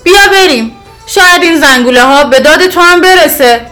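A man voicing a clever, bold young village boy who speaks quickly and eagerly in a storybook reading. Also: extremely high pitch, bright, forceful tone, faint music behind, voice pushed up.

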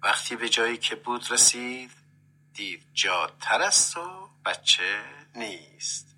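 A man's voice: medium pitch, very animated, bright, forceful tone, poor audio. A man telling a folk tale expressively, dropping to a whisper at tense moments. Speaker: storyteller.

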